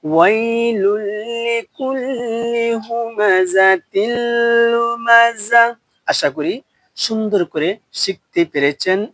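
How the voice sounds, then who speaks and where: A man teaching Quran recitation, spelling out each syllable, then chanting the verses slowly and drawn out, with brisk explanations in between. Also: a little high, no room sound. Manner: brisk explanations between recitations, asks learners to repeat and comment. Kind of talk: spelling-out and slow recitation lesson.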